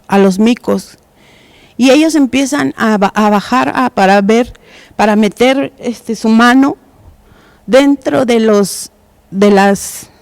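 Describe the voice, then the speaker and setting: Woman preacher, sermon delivery, slow and halting with lots of fillers, dry close sound. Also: a little high, darkish tone, dry recording. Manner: hesitant, many fillers and restarts. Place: church.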